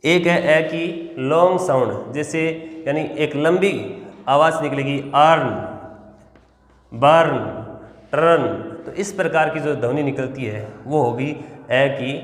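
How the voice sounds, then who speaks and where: A man's voice: a little high, measured pace. A male teacher giving a lesson, explaining step by step and answering his own questions. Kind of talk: classroom lesson. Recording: echoey room with long reverb.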